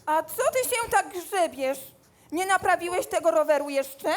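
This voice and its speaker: A woman's voice: very high-pitched, expressive, normal speed. A woman playing a harsh, bullying workshop boss in a children's play. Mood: scolding. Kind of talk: children's comic stage play.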